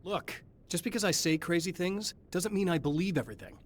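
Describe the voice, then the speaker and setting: Here the actor voicing the weary, determined horror novelist protagonist goes high and very animated, speaking briskly. The game cutscene keeps a dry, matter-of-fact, wry edge.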